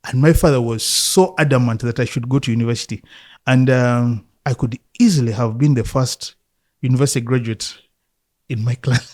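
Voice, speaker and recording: A man from Uganda in his fifties, a football coach, telling his life story in a relaxed interview, reflective and often laughing. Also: mid-range voice, normal speed. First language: Luganda.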